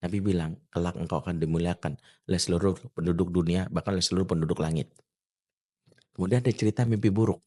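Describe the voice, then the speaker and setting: A middle-aged man, a preacher, giving a lively talk on parenting and quoting Arabic verses. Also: quick pace. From Indonesia. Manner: animated, swings to high emphatic pitch, quotes Arabic verses. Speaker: Islamic preacher, podcast guest. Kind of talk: casual religious talk on parenting.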